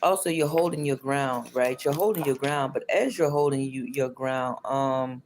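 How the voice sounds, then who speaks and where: A woman's voice: rumbling low, moderate pace, darkish tone, slight background noise. A middle-aged or older woman with toothless, slightly slushy articulation, chatting casually as she reads tarot on a livestream and repeating her phrases. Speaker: tarot card reader.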